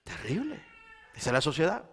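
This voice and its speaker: A man preaching a Sunday sermon as pastor, swinging between loud emphasis and quiet intensity. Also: on the high side, huge pitch swings, brisk, slightly rough. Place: church sanctuary. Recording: long church hall reverb.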